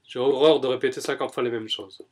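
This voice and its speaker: A man doing an EFT tapping self-demonstration, speaking in short, repeated first-person statements that are emphatic and exasperated at first and softer later. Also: medium pitch, steady tone, fairly quick. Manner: softer and more settled. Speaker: EFT practitioner.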